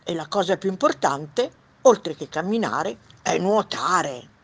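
A woman voicing a chatty little duck, exclaiming and lively, in a children's storybook reading. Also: lowish voice, slow pace, slightly rough, exaggerated voice.

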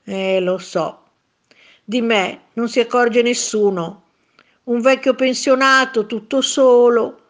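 A woman voicing a gentle, lonely old retired man who speaks softly and wryly in a storybook reading. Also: fairly high pitch, fairly even intonation, takes it slowly, pitched above the performer's own voice.

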